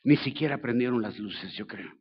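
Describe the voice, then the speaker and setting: An older man with a Mexican accent preaching a sermon as pastor, colloquial and joking, telling the story with lively slang. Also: medium pitch, normal speed, breathy edge, lo-fi sound. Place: church.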